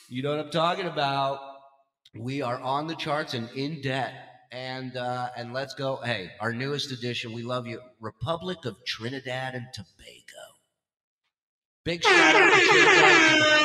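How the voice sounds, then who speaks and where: A man's voice: medium pitch, a bit bright, no echo. A man hosting a podcast in casual chat, joking and swearing freely. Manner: joking, profane banter. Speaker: podcast host.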